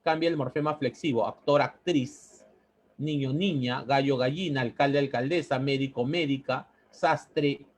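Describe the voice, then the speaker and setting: A man's voice: mid-range voice, unhurried. A man teaching a grammar lesson, who repeats words and checks in with a questioning "¿no?". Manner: explains step by step, repeating words and asking "¿no?".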